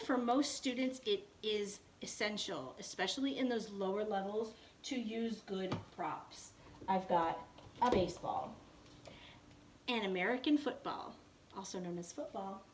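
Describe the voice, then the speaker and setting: With a fairly high-pitched, fairly bright voice and a little hiss or hum on the recording, this online English teacher casually shows off her home classroom. She's chatty, constantly talking to viewers with "y'all" and "right."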